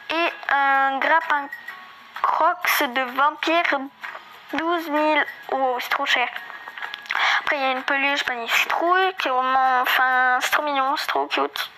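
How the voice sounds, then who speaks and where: Bright high-voiced woman chatting. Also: a little hiss or hum, poor audio. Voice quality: slight lisp. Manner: hesitant, many fillers and restarts. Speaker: gaming video creator. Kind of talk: casual game walkthrough commentary.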